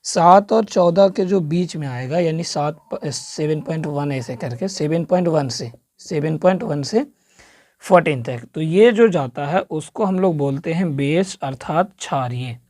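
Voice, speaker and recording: This man teaches an exam-prep science class as a coaching teacher, asking the listener the same questions again and again and drilling the answers in lecture fashion. He speaks fairly high, a little slowly, and somewhat mellow, recorded in clean studio sound without echo.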